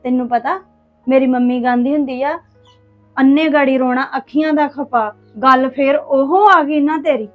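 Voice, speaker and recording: An earnest young woman, acted by a woman, pleading with a friend in a high voice. Soft music plays faintly behind her in an amateur family web drama. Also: fairly even intonation, normal speed, close to an everyday voice. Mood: coaxing. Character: young woman from a poor home, hurt by gossip.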